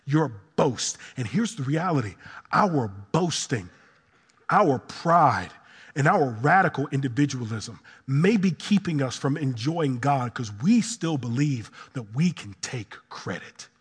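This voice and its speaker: A male pastor preaching a sermon with dramatic swings from loud peaks to quiet, low passages. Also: animated, unhurried, breathy edge, in a large hall. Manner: impassioned preaching with dramatic swings of pitch and volume.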